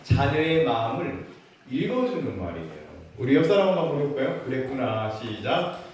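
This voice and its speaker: Man, pastor, expressive preaching, booming hall reverb from a distant mic. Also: moderate pace. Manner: animated, acts out parents' lines and leads the congregation in call-and-response. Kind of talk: sermon. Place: large church sanctuary. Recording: echoey church hall, distant mic, faint noise.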